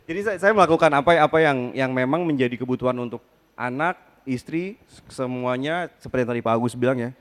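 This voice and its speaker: A man's voice: mid-range voice, a little fast. A man on a stage panel, speaking hesitantly and searching for his words. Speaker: panel guest. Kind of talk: live stage talk. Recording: long hall reverb.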